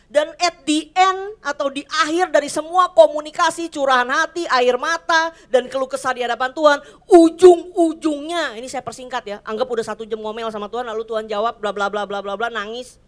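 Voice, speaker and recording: Woman pastor preaching in church, kinda high voice, chatty and animated. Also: a little fast. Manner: lively, conversational, acts out voices. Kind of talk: sermon.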